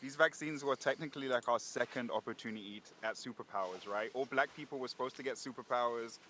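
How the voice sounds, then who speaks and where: Young guy from california, bright voice, faint hiss behind, laughy storyteller. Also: mid-range voice, fast. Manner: laughing, animated storytelling, repeats words. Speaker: podcast co-host. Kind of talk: casual chat.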